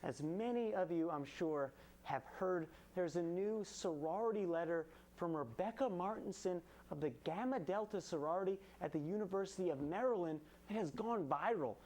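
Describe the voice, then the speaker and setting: A man's voice: sits high, normal speed, darkish tone. A young man hosting a late-night show, delivering a monologue of punchy topical jokes from a studio stage. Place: student TV studio with painted skyline set.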